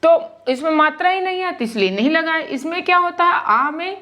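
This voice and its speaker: A woman's voice: extremely high pitch, lively intonation, normal speed, pushed and bright. A young woman teaching English spelling in a live lesson, explaining step by step and checking in often.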